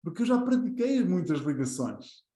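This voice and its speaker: Male language teacher, European Portuguese accent, unhurried and methodical, mellow mid-high voice, echoey room. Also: big pitch swings. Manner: slow, deliberate, repeats example phrases. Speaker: English teacher. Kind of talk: online language lesson.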